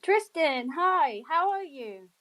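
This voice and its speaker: Hosting a live online audio chat over a remote stream, a woman greets her speakers in a bubbly, upbeat, chatty way. Her voice is very high, fairly bright, and sing-song, with a slow pace.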